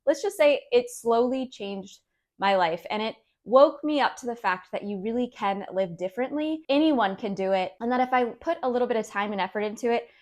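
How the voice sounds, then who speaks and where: A woman's voice: fairly high pitch, a little fast, darkish tone. A woman in her thirties hosting a decluttering vlog, talking in a friendly, encouraging way with light laughs. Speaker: decluttering channel host. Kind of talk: casual instructional vlog talk.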